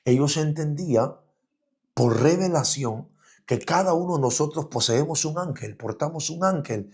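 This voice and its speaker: A man's voice: a little high, expressive, moderate pace. A man preaching an online teaching sermon as an apostle, emphatic, often asking his audience rhetorical questions. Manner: emphatic, repeats "escúchame bien".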